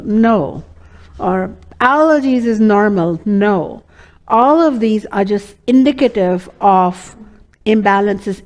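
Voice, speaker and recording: A woman's fairly high, somewhat mellow voice, carrying an Indian accent, delivers an Ayurveda lecture to students. She earnestly describes a case study with plenty of filler words.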